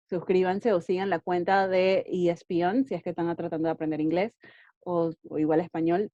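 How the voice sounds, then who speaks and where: A woman's voice: fairly low pitch, warm tone, no echo, muffled recording. A woman English teacher giving casual advice on learning languages, often checking in with "ok?" and slipping in English words. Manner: friendly, checks in with frequent "ok?"; mixes English words into speech.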